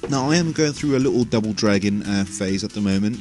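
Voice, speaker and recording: A man's voice: on the low side, fast talker, music in the background. Chatty man narrating retro gameplay. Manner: chatty and rambling, frequent "you know" asides. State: slightly out of breath, tired. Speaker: retro gaming video host. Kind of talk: casual gameplay commentary.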